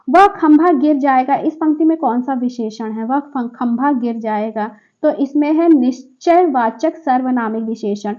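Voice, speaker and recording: A woman's voice: high-pitched, muffled recording. A woman teacher explaining exam answers step by step, often checking in with the listener as she goes. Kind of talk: exam paper walkthrough.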